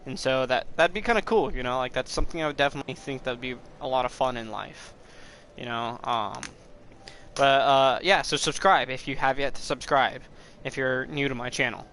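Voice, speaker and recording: A young man rambling through live gameplay commentary as a streamer, excitable and swearing at the game. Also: mid-range voice, moderate pace, a little hiss or hum. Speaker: gaming streamer.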